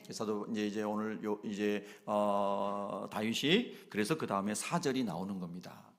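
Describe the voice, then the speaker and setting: A man's voice: lowish voice, normal speed. A male pastor preaching a sermon emphatically, often asking the congregation questions.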